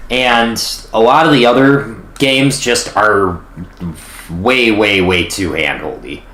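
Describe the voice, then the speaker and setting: A man's voice: lowish voice, slow, fairly bright tone, echoey room, slight background noise. A young man casually commentating his gameplay on stream, rambling and self-deprecating. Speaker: gaming streamer.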